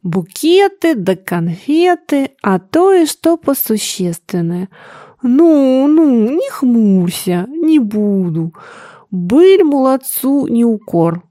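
A raised, slow-spoken voice of an excitable aging father, as a woman reader plays him, swinging between sly teasing and shrill hurt. He drags his words out in a close, dry take with no room sound around them. The delivery stays emotional and pressing. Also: no echo, full character voice.

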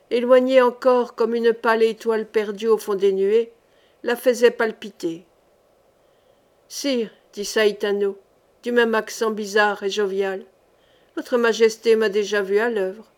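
A woman with a somewhat high voice reads a historical novel aloud. Her narration is calm and measured, and she drops her voice lower for the characters' lines. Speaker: audiobook reader.

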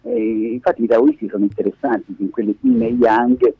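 Gravelly and a bit rough, a medium-pitched man's voice carries lively intonation at a moderate pace. The middle-aged media activist and lab director is a casual radio guest, making emphatic points and digressing, through a phone against his face that yields muffled, echoey audio.

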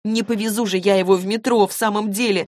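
A woman voicing an impulsive, protective young girl who pleads and argues in a raised, higher voice. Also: moderate pace, no echo, clean studio sound, lightly acted. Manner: pleading and indignant.

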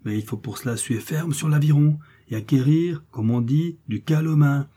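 A man's voice: medium pitch, moderate pace, warm tone, husky, close to an everyday voice. A man reading aloud and voicing a pompous, fussy village apothecary in an indignant rant. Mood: reproachful. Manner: indignant ranting tirade, exclamatory.

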